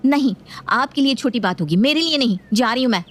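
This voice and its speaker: Brief: woman doing a defiant young daughter-in-law in a storybook, high, lively, argumentative. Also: fairly quick, faint music behind, natural voice. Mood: indignant. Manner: indignant, argumentative.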